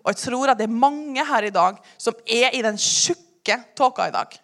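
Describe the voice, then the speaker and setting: A young woman giving a personal testimony in church, telling her story earnestly and often dropping to a hushed voice. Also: fairly high pitch.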